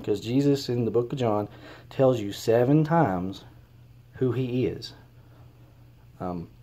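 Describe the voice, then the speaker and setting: A man's voice: mid-range voice, warm tone. A man with a Southern US accent talking casually to camera, hesitant and earnest with many ums and uhs.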